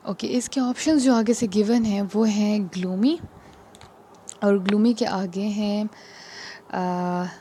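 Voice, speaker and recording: Brief: female tutor, mellow and patient, slows down on key words, faint noise behind. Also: mid-range voice. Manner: patient, repeats "ठीक है" often. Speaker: exam prep teacher. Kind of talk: casual explanatory lesson.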